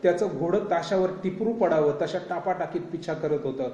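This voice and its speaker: A man's voice: fairly high pitch, brisk, mellow. A man giving a vivid, dramatic reading of a novel, in a roomy, dull lo-fi recording. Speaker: reader.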